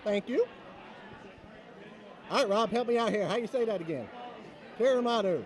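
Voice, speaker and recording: A man in cosplay answers a host's questions at a convention in a friendly, easygoing way. His voice sits high. A faint crowd is heard in the open air. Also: animated, moderate pace. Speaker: cosplayer guest. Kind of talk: casual interview answers. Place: outdoors at a fan convention.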